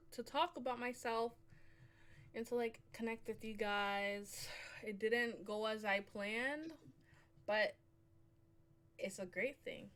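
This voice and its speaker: A young woman hosting a casual podcast, talking loosely and breaking into loud bursts of laughter. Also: mid-range voice, clean tone. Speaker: podcast host. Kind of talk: casual chat.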